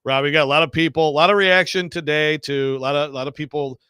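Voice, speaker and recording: A man's voice: a little high, steady tone, fast, pushed and bright, clear, resonant tone, no echo, clean studio sound. A man hosting casual sports talk radio, wordy and often interrupting himself.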